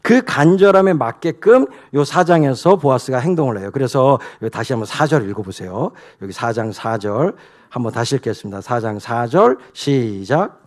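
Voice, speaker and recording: A male pastor preaching a sermon in an animated, conversational way, with frequent rhetorical questions to the congregation. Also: mid-range voice, moderate pace.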